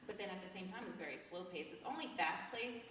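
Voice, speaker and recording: Young woman podcast guest, relaxed and frank; sits back from the mic, noisy and echoey room. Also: medium pitch, fast talker, recorded from a distance. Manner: candid, laid-back, peppers speech with "like". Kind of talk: casual chat.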